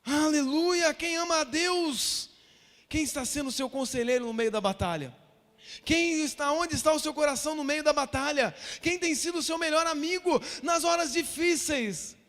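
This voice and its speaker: A man with a Brazilian Portuguese accent preaching a fervent sermon as pastor, repeating phrases and building to shouts, recorded in a church hall. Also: very high-pitched, moderate pace. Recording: long echo of a church hall.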